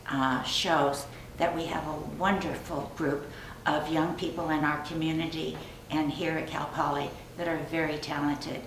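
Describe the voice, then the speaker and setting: A woman volunteer usher speaking earnestly about supporting young performers. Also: low-pitched. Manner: earnest, measured. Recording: echoey recording with clear hum.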